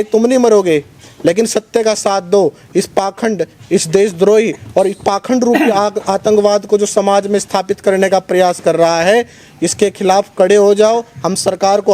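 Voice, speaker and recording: A man speaking as a religious organisation's spokesman at a press conference, in a forceful, combative preaching tone. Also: high voice. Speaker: Arya Samaj spokesman.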